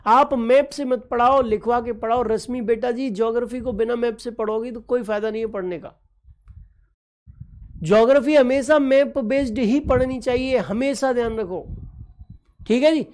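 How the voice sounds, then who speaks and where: Female exam-prep teacher, slightly high voice, affectionate and repetitive, quizzes her class over a map. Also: normal speed, a little mellow. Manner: affectionate, addresses students as children; repeats and quizzes, frequent "okay ji" check-ins. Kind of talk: online geography lesson over a map.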